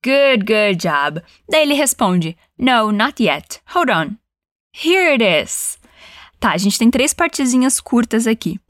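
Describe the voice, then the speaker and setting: Woman, English teacher, fairly high voice, unhurried, dry close sound, encouraging repeat-after-me drills. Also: dry recording. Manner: encouraging, slow careful model phrases.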